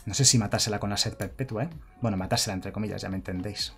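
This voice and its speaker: Over soft background music, a streamer with a lowish voice talks rapid-fire while commenting live on his card game. He chats casually, reads viewer messages aloud, and thanks his followers.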